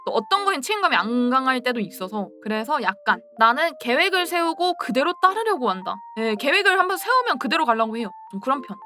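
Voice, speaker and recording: A young woman in her twenties chatting casually as she reads out personality quiz statements and comments on each one. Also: high voice. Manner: chatty and animated, reads quiz items aloud then comments. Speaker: vlogger.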